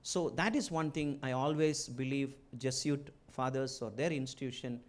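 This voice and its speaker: A man's voice: mid-range voice, normal speed. A middle-aged man from India with a strong Malayali accent, giving a motivational address to students as a guest speaker, in short emphatic phrases with repeated key words. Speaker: guest speaker, entrepreneur and former chief executive.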